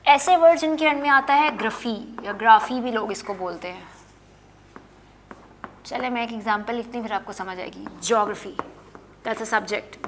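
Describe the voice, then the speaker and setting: A woman's voice: fairly high pitch, a little hiss or hum. A middle-aged woman teaching English pronunciation, patiently repeating and explaining words in a mix of Hindi and English. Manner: patient, explains words by writing and repeating them, with frequent "okay".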